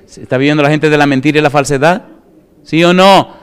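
A man's voice: fairly high pitch, fast, clear, resonant tone. A middle-aged male pastor preaching a sermon, emphatic and firm, who keeps putting rhetorical yes-or-no questions to the congregation.

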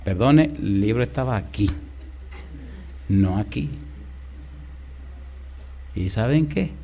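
A middle-aged man preaching a sermon, telling stories and calling out questions to the congregation with big swings in loudness. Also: fairly low pitch, expressive, slow. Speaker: pastor. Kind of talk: sermon with storytelling.

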